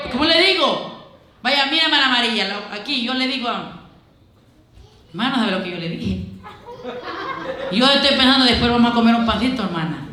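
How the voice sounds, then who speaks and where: A woman preaching a lively Pentecostal sermon, exhorting her congregation with direct questions and acting out quoted voices with humor. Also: fairly high pitch. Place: church. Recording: echoey church sanctuary. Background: congregation answering amens.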